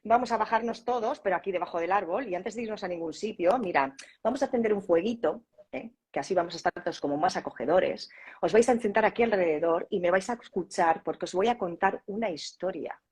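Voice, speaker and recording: A woman voicing a thoughtful male monkey who gathers his tribe to tell them a story, in a folksy, coaxing tone with a husky voice. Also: medium pitch, fast, a little mellow, lightly acted.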